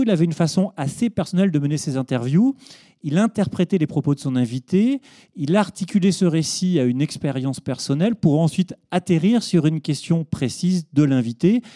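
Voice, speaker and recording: A man's voice: fairly high pitch, dark tone, dry recording. Analytical male interviewer, dry close sound. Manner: elaborate, analytical questions. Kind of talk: interview questions.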